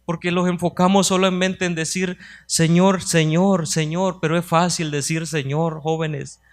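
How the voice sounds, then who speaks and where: A man's voice: on the high side, little pitch movement, normal speed. Man preaching a fervent youth sermon. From United States. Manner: preaches to youth, reads scripture aloud with rising emphasis. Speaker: youth minister. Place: church youth sanctuary.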